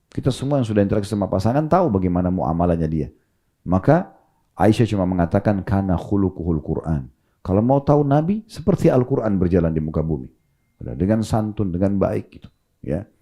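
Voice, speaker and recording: A man giving a calm, gentle sermon as an Islamic preacher, with rising emphasis on key points. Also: deep voice.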